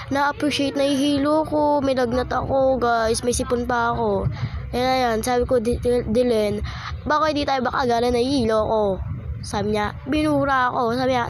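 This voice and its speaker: A woman's voice: a little high, slight background noise. Playful young woman with a stuffy nose. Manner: playful, teasing, frequent laughing asides. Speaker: content creator. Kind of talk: casual vlog chat.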